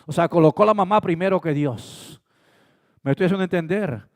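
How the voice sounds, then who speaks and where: A man preaching a sermon as pastor, swinging between loud emphasis and quiet asides and acting out short dialogues. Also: sits high, fairly quick. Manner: acts out short dialogues in different voices.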